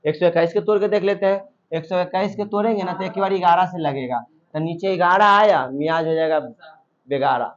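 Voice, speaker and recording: High-voiced male math teacher, drills and quizzes the class, lo-fi sound. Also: a little fast. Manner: repetitive, quizzing students, drilling answers. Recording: dull lo-fi recording.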